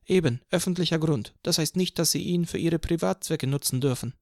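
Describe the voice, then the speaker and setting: A man reading an audiobook voices a young plainclothes policeman who questions and accuses in brisk, stern lines. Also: fairly high pitch, darkish tone, dry recording, clean studio sound, voice pushed up, natural voice. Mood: insistent. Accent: slight foreign accent in speaking English, voiced in German.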